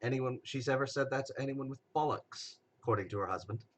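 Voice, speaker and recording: A man's voice: mid-range voice, quick pace, a bit bright. A man playing a tabletop game, playful and stumbling as he talks in character. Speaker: player.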